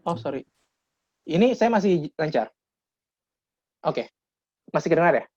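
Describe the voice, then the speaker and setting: A man's voice: a little high, lively intonation, measured pace, a little mellow, no room sound. A man in his thirties giving a casual webinar talk to young people, lecturing informally with frequent restarts. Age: 30s. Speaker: guest speaker. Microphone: video call. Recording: dull lo-fi video call audio.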